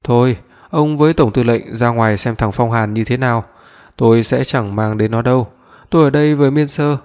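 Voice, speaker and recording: A man reading the lines of a stern, sharp-tongued older mother in an audiobook, in a scolding way, with a long reverb behind his voice. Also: mid-range voice, fairly quick, clear, resonant tone, lightly acted.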